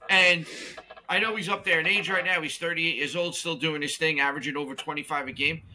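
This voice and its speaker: A man's voice: on the high side, steady tone, brisk, pushed and bright, a little hiss or hum. A man co-hosting a sports radio show, giving firm opinions after hesitant starts. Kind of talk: casual sports chat.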